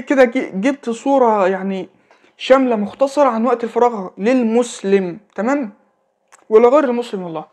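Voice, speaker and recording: Speaking with an Egyptian Arabic accent, this late-teen man offers informal religious guidance, circling back on phrases and making sure the listener is following. His pitch is extremely high, with a somewhat dark tone.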